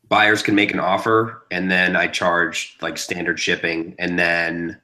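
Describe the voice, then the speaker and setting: A man with a very deep voice that still carries a bright, forceful edge, joining a casual stream chat. He talks slowly and hesitantly, filling his gaps with ums. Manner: hesitant, many ums and pauses. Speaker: guest dropping in on a stream.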